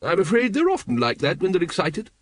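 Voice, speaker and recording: Storybook role: plummy, unflappable grande dame, played by a man, high-pitched, gushing, very animated, dry close recording. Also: quick pace, no echo. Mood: breezy. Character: hearty upper-class middle-aged lady, breezy and unflappable.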